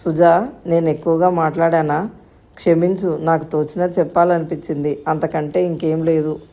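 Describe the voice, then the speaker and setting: A woman's voice: low-pitched, flat delivery, moderate pace, dark tone. A woman reading the part of a frank, caring young woman comforting her friend in a storybook tale. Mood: earnest. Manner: earnest, reassuring.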